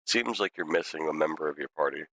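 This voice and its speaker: A man narrating a tabletop game as dungeon master, slow and low. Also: creaky, pushed and bright, no echo.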